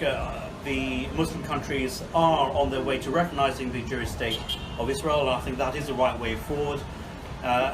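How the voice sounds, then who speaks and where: A man from Bangladesh giving a measured video monologue outdoors by the sea, pausing often with fillers. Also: mid-range voice. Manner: measured, frequent filler pauses. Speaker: commentator. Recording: distant mic with clear background noise.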